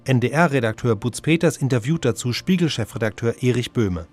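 A man's voice: mid-range voice, lively intonation, normal speed, a little mellow. A male news presenter reading formal scripted news narration in an archival radio broadcast. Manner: formal, announcing.

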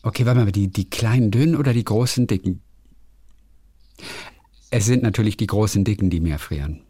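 A man co-hosting a casual chat, thinking aloud in an animated way. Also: fairly low pitch, fairly quick, breathy edge, no echo, studio quality. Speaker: podcast co-host.

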